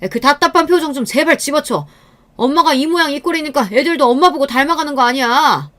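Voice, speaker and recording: Woman putting on a contemptuous husband, loud and sharp, belittling, pitched high, told story. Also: very animated, normal speed. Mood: scornful. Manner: snapping, contemptuous, raised voice. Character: scornful middle-aged man, a belittling husband. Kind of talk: storytelling narration.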